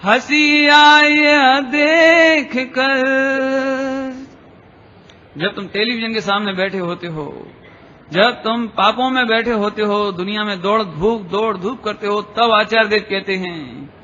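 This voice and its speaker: A man giving a devotional lecture, chanting scripture verses slowly and explaining them with questions put to the listeners. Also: high voice, pushed and bright, a little hiss or hum. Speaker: Jain preacher. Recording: dull lo-fi recording in a reverberant hall.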